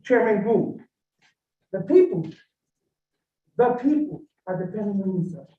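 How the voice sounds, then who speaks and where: A woman's voice: medium pitch, sing-song, a little slow. Woman making a firm public statement. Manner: firm, emphatic address to the chair. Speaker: public commenter. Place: county legislature meeting room. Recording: roomy hall audio from a distant mic, dull.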